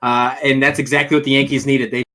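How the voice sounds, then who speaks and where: A man co-hosting a sports podcast, excitable and quick to fire questions in casual chat. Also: medium pitch.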